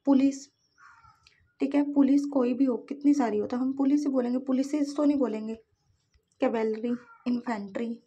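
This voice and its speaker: A woman with a fairly high voice teaching English grammar in Hindi. She explains step by step, asks questions and answers them herself, and reads the English example sentences out slowly. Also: steady tone, dark tone, breathy edge, muffled recording.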